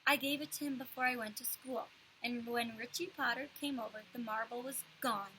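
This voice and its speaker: A woman voicing a small, whiny, excitable boy who talks through sobs, high and drawn out. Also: brisk, slight background noise, poor audio. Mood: upset.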